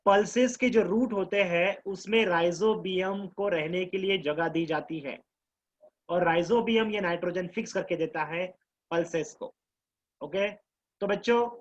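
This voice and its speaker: A man teaching biology to exam students, mixing Hindi with Indian English, explaining slowly, repeating key terms and quizzing his class. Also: sits high, dull audio. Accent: Indian English mixed with Hindi. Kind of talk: live online class lecture.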